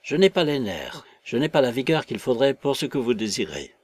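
A man's voice: mid-range voice, very animated, moderate pace, a little mellow, dry recording. A man voicing a timid, self-pitying tramp who groans and pleads in a storybook reading. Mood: whining. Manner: plaintive, cowering, self-pitying. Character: whining, timid tramp, middle-aged man.

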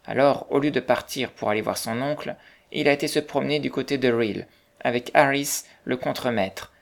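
Reader as chatty landlady, gossipy, gravelly edge. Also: medium pitch, moderate pace, close to an everyday voice. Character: talkative motherly landlady.

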